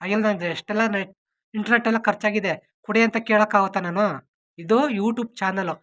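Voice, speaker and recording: A woman vlogger speaks with an earnest, pleading tone and asks "okay?" again and again. Her voice is bright and sharp at a middling pitch. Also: steady tone, normal speed. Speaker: YouTuber. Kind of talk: emotional appeal to viewers.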